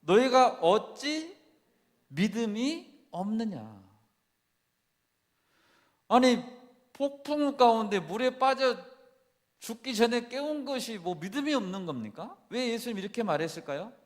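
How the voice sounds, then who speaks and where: A man's voice: extremely high pitch, lively intonation, normal speed. A man preaching a sermon as a pastor, often asking his congregation questions and acting out quoted lines with rising intensity. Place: church sanctuary. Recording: long reverb of a church hall.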